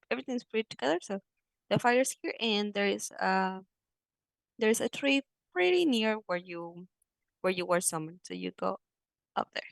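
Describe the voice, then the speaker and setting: A woman's voice: on the high side, gravelly, no echo. A woman narrating a tabletop game as game master, speaking hesitantly with frequent restarts.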